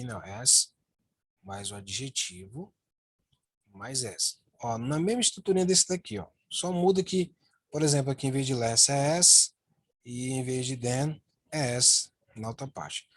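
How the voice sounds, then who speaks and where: A man's voice: medium pitch, husky, dry recording. A man teaching English grammar in a lesson, walking students through slides and tagging phrases with "né" and "ó". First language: Portuguese. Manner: repeats "ó" and "né" while pointing at slides. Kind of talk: online lesson explaining slides.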